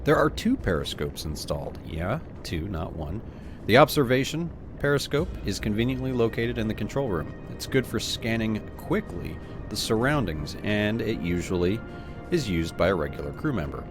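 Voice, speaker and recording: A man's voice: fairly low pitch, lively intonation, moderate pace. A man giving a casual, easygoing let's play commentary, thinking aloud and sometimes reading game tips. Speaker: gamer playing and commentating. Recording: loud game music behind voice.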